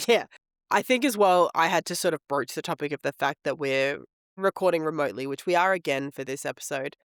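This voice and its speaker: A male podcast co-host chats casually about books in a close, dry recording. His voice sits a little high and carries a smoker's rasp, hoarse from a head cold. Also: a little fast, fairly bright tone, dry recording.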